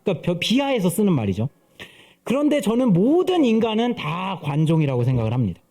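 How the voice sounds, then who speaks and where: A man's voice: sits high, wildly swooping pitch, fairly quick, mellow. A man in his thirties preaching a sermon at church, telling stories and playfully mimicking voices. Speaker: pastor. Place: church sanctuary.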